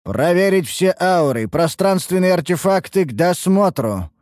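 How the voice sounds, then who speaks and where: A man playing a gruff male town guard who barks orders in a fantasy audiobook. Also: fairly high pitch, expressive, brisk, a little mellow, no room sound, studio quality, pitched above the performer's own voice, lightly acted. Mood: stern. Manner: barking, commanding.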